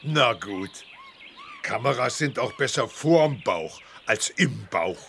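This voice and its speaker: An actor in a children's audio drama voicing a jovial, childlike, exuberant elephant who plays at being a taxi driver. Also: male voice, medium pitch, expressive, slow pace, vocal fry, slight background noise, full character voice. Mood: good-natured, calm. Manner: exuberant, good-natured, trumpets loudly.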